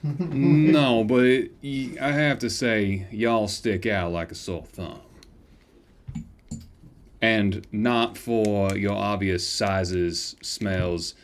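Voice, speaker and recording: A man voicing a polite, formal male cleric welcoming travelers. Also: on the low side. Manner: courteous, formal.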